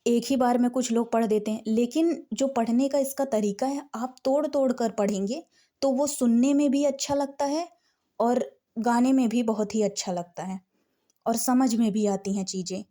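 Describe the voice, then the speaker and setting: A woman teaching scripture recitation, patiently breaking verses into slow, word-by-word chanting. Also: fairly high pitch, fairly even intonation, dark tone.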